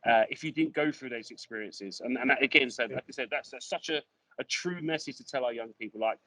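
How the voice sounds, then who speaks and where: A man's voice: medium pitch, quick pace, sharp tone, no echo, low-quality recording. A man hosting a panel on a video call, speaking in an emphatic, motivational way and often repeating himself for effect. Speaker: host. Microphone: video call mic.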